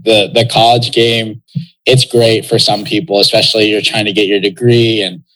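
The audio is rough on this casual interview, where a young man from Texas who plays pro soccer reflects loosely and uses many fillers. His lowish, fairly bright voice moves little in pitch and keeps a moderate pace.

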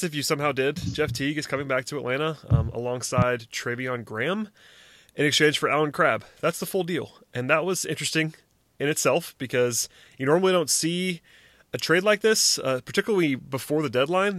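A man hosts a casual sports talk podcast at a middling pitch. He talks conversationally, often restarting his thoughts, in a close, dry recording. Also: a bit bright, no room sound.

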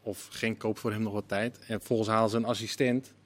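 A man's voice: on the low side, flat delivery, fairly quick. A middle-aged man, a former head coach, giving emphatic opinions in a casual football discussion.

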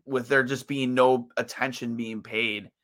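A man's voice: medium pitch, steady tone, measured pace, a bit bright. A tired man hosting a solo sports podcast, rambling through his thoughts with lots of fillers and restarts. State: tired, yawning.

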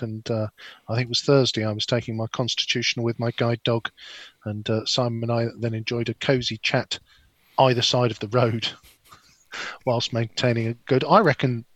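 A man's voice: mid-range voice, dry recording. An English man co-hosting a politics podcast over an internet call, chatting casually and joking with fillers and restarts. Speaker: podcast co-host. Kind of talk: casual chat. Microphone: video call.

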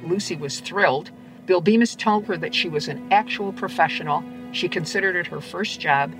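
A woman's voice: fairly low pitch, normal speed, poor audio. A woman tour guide telling stories as an interview guest. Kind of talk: storytelling in an interview. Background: faint music.

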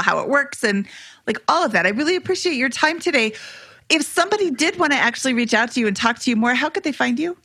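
A woman's voice: mid-range voice, bright, forceful tone, no echo. A woman co-hosting a podcast in a casual, upbeat, chatty way. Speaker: podcast co-host.

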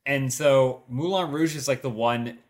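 A man's voice: mid-range voice, measured pace. A man co-hosting a casual group chat about movies, rambling and enthusiastic with lots of filler words. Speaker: podcast co-host.

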